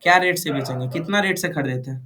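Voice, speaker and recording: A man's voice: on the high side, fast talker, background noise. Teacher quizzing his class. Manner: checks understanding with frequent questions. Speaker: computer course teacher. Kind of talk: live classroom instruction. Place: classroom with students.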